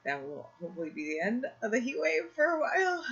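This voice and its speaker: A rambling podcast host in casual chat, voice a little strained from an irritated throat. The tone is bright and forward. The home computer mic sounds dull and muffled. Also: mid-range voice, big pitch swings, fairly quick, creaky. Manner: rambling, self-correcting. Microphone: own computer mic, live video call.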